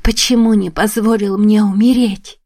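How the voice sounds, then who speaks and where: A woman's voice: mid-range voice, steady tone, normal speed, slightly rough, dry recording, close to an everyday voice. A woman voicing a young heroine who sobs and pleads in grief, close to hysteria. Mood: grieving. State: crying.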